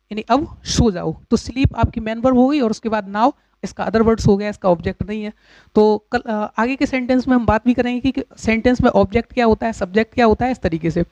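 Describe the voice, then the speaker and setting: A man teaching English grammar in a lecture, explaining patiently with pauses and repeated examples. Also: very high-pitched, darkish tone, dry recording. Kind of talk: classroom lecture. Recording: dull, dry lo-fi recording.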